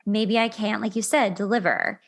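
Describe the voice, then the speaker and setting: A woman hosts a casual relationship advice podcast, telling anecdotes emphatically, repeating words and acting out imagined reactions. Her medium-pitched voice is steady and creaky at normal speed, with slight background noise.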